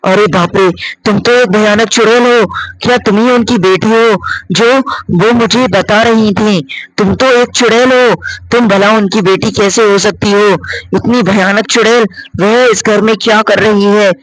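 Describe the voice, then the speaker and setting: A man's voice: high-pitched, steady tone, measured pace, a bit bright, no echo, pitched above the performer's own voice, rough recording. A man voicing a frightened young woman in a cartoon horror story, anxious and full of exclamations.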